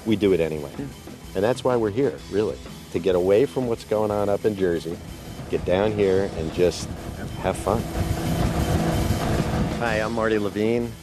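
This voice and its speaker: A man's voice: lowish voice, normal speed, pauses often, over music. A man in his sixties, a family physician and water skier, talking in an easygoing way and laughing at himself. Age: 60s. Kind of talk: casual interview talk.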